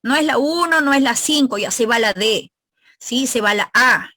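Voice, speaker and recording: A woman's voice: a little high, normal speed, bright, forceful tone, dry recording. A woman teacher leading an online exam review class, asking her students questions and explaining grammar step by step.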